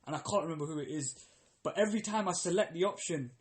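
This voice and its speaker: A young man, talking casually on a podcast with a fairly high voice. He tells stories in an animated way and slips into exaggerated voices when he acts out phone calls, swearing freely. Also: fast. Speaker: podcast co-host. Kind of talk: casual chat.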